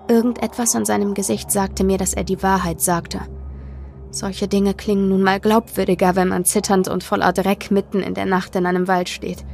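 A woman narrating a horror story in the first person, with tense, expressive delivery. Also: medium pitch, gravelly, slight background noise. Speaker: podcast narrator. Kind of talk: dramatic horror story reading.

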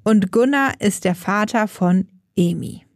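A woman's voice: mid-range voice, unhurried, no echo, studio quality. A woman co-hosting a book podcast, explaining details and background in a casual conversation. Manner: explains plainly and fills in details.

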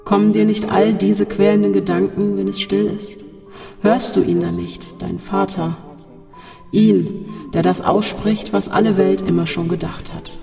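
A narrator voicing a sinister male voice that taunts from a dark shaft in an audiobook, over faint music in a long reverb. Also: mid-range voice, fairly even intonation, measured pace, vocal fry. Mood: taunting. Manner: mocking, then coaxing and seductive.

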